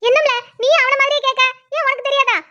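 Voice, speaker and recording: A woman's voice: extremely high pitch, steady tone, quick pace, pushed and bright, lo-fi sound, a little hiss or hum. A woman voicing a worried, tearful village mother, in a cartoon. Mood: fretful. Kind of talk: cartoon voice acting.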